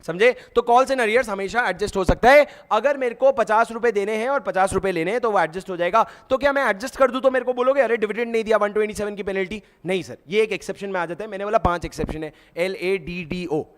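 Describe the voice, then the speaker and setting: A man's voice: high voice, quick pace, few pauses. A man teaching an exam revision lecture, asking questions and answering them himself, with Indian-accented English mixed in. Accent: Indian English mixed into Hindi. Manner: rhetorical questions answered himself, mnemonic drilling.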